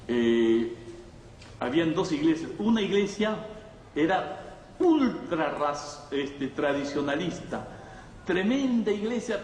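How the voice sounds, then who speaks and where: A man with a somewhat high, slightly mellow voice preaches a conversational, didactic sermon, posing rhetorical questions and frequently checking in with his congregation. The recording comes from an echoey hall with a distant mic and faint noise.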